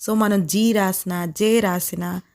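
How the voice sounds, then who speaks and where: A woman with a Telugu accent teaching English pronunciation, sounding out example words slowly and repeating each sound, sometimes playfully stern. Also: mid-range voice, steady tone, a little mellow. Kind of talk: phonics lesson with example words.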